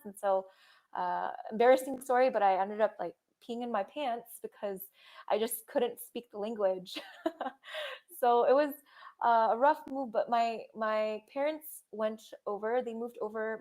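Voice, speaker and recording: A young woman speaks as a podcast guest in an easy, conversational way. She is friendly and relaxed, with frequent ums and a light laugh now and then. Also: on the high side. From Indonesia. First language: Indonesian. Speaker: guest, startup founder. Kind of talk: casual interview conversation.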